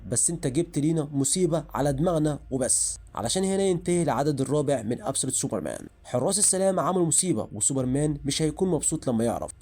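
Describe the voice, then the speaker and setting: A man's voice: fairly high pitch, mellow. A man with an Egyptian Arabic accent, retelling a comic book story as scripted narration.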